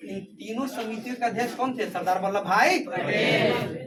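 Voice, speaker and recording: A man's voice: sits high, normal speed, recorded from a distance, very noisy. A male teacher lecturing and drilling a class, repeating questions and calling students beta. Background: students answering.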